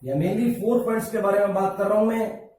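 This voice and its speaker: High-voiced teacher in an echoey room. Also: male voice, steady tone, a little mellow, distant mic. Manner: slow, repeats key terms, asks and answers his own questions. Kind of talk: classroom lesson.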